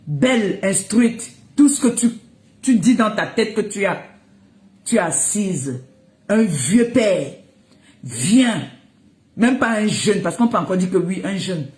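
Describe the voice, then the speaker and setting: A Cameroonian woman scolds someone in a heated live social media rant, mocking them and breaking into laughter. Her mid-range, darkish voice is expressive and slow, and the sound is reverberant.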